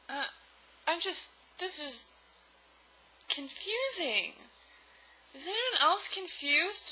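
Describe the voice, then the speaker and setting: A woman's voice: sits high, pushed and bright, rough recording. A woman giving a comedic dramatic reading of a bad story, breaking off for sarcastic, exasperated asides. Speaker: reader and commentator.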